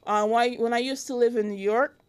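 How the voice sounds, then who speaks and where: A woman's voice: fairly high pitch, fairly even intonation, fairly quick, clear, resonant tone. A woman in her thirties from Connecticut, talking casually as an interview guest, with many fillers and restarts. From Connecticut, USA. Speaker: interview guest, illustrator and cartoonist.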